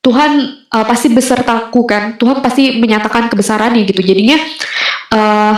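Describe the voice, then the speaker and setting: A young woman giving a casual personal testimony, pausing often with fillers as she talks. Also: fairly high pitch, fairly even intonation. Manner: conversational with frequent fillers and hesitations. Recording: very echoey room.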